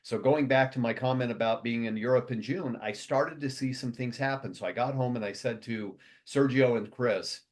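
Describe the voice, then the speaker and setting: A medium-pitched man who runs a company gives a motivational address to his members. He speaks fast and rambles, restarting often and reeling off long lists.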